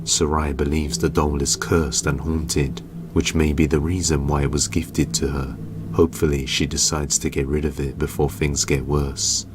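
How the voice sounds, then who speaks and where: A man with an extremely deep voice narrates scripted horror clips. He speaks slowly and flatly, with a measured, ominous delivery. Clear background noise runs under the whole narration track.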